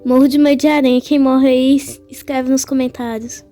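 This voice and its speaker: A woman's voice: sits high, flat delivery, normal speed, dark tone, faint music behind. A woman giving casual gameplay commentary, chatty and playful, talking back to the game characters. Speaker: gaming channel host.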